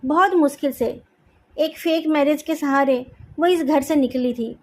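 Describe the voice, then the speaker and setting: A woman reading a fan fiction story aloud in a calm, even narrating manner. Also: sits high, measured pace.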